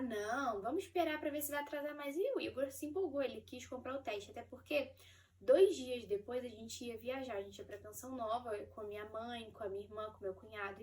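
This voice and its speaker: A Brazilian woman vlogger with a high voice tells a personal story straight to her viewers. She talks in a chatty, animated way and laughs easily. Her voice sits a little back from the microphone. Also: far from the mic. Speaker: vlogger, mother of four. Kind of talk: casual storytelling to camera.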